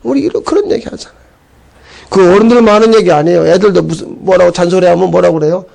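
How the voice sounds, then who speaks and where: A middle-aged male pastor delivers a conversational sermon, chatty and animated, acting out voices as he goes. His voice is high, fast, and gravelly.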